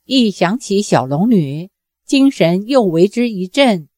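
A woman narrating a martial arts novel in a measured, even manner. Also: medium pitch, no echo, clean studio sound. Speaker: audiobook narrator.

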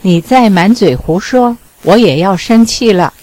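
A shy, guarded young woman who speaks in a bashful, slightly lifted tone, as a woman reading an audiobook voices her. Delivery stays slow and measured. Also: mid-range voice, animated, darkish tone, dry recording, natural voice. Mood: flustered.

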